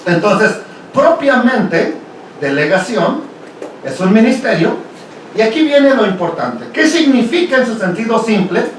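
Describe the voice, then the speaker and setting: A high-pitched man teaches a Bible study to his congregation in a relaxed, questioning way. His voice rings through a very echoey hall. It is picked up from well away from the mic, with a faint hiss behind it. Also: unhurried, recorded from a distance. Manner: conversational, asks rhetorical questions, tags "ok?".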